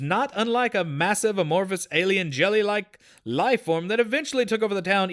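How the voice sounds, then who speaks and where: A man's voice: a little high, a bit bright. A man putting on an old-school male news anchor voice, mock-formal and dramatic.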